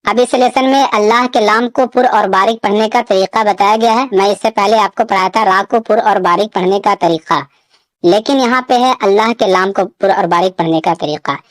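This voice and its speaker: A woman teaching Quran reading, reciting words slowly and drawn out, with quick explanations between them. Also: medium pitch, no echo.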